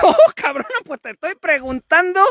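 A woman's voice: very high voice, wildly swooping pitch, moderate pace, fairly bright tone, dry recording, studio quality. A woman vlogger, teasing and swearing in casual chat.

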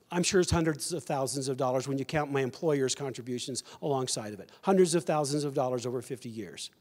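A man in his sixties giving a plain-spoken lecture on stage to a live audience, answering his own questions. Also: on the high side. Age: 60s. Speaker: conference speaker. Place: large church stage with an audience. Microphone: handheld mic. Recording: long reverb of a large hall.

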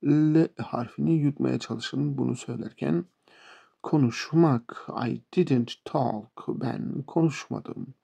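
A man with a Turkish accent explains English verbs to beginners, pausing to repeat each word and example. His voice is deep-toned and mellow, with heavy vocal fry and a husky edge. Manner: slow, repeats words and example sentences. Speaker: English teacher.

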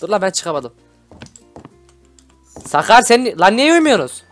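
Excitable young man commenting on a game. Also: sits high, moderate pace. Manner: excitable, shouty, constantly reacting. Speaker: gaming YouTuber host. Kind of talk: gameplay commentary. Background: background music.

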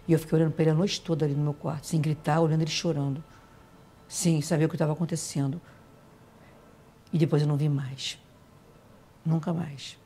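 Woman guest telling her own story, somewhat low-pitched, emotional, stops and repeats herself. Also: flat delivery, dark tone, slight background noise. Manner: emotional, halting, repeats phrases. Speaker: interview guest. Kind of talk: personal storytelling in an interview.

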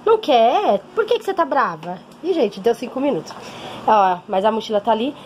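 Brief: woman, vlogging mother, slightly high voice, chatty and emotional, phone audio with clear background noise. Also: very animated, a little fast, a little mellow. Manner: chatty, emotional, often asks for agreement. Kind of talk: casual vlog chat to viewers. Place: home, then walking outdoors on a street.

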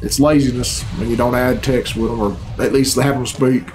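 Speaking at a moderate pace in a steady, somewhat mellow mid-range voice, a man in his thirties gives casual reactions that are blunt, sarcastic and profane. He hosts reaction videos from a small bedroom at home, where a little hiss or hum mixes with game cutscene music.

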